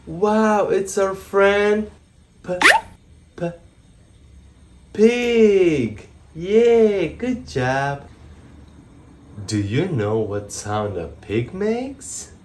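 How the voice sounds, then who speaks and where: A woman presenting a toddler learning video, speaking slowly in a coaxing, exaggerated way. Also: lowish voice, animated, darkish tone, a little hiss or hum. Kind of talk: teaching toddlers.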